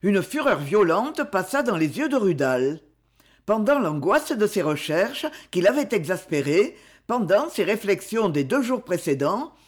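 Expressive woman reading a novel aloud. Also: mid-range voice. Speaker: audiobook narrator. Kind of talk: scripted narration.

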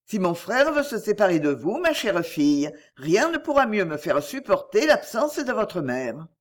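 A woman reading aloud and voicing a calm, gentle father who speaks soothingly to his family. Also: mid-range voice, normal speed, close to an everyday voice.

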